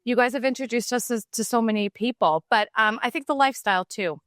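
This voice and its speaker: A woman from Canada guesting on a podcast, talking easily and agreeably about her travels. Her voice is smooth and clear at a mid pitch, recorded close and dry. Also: quick pace, a bit bright, no echo. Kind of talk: casual podcast conversation.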